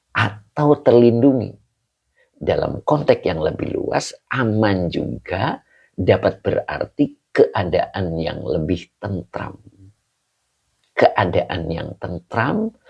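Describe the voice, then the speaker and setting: A very deep, gravelly male teacher, leading a live online religious lesson. His pitch moves a lot as he greets viewers between careful grammar explanations. The stream audio is dull and lo-fi. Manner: greets viewers warmly with frequent chuckles and pious phrases.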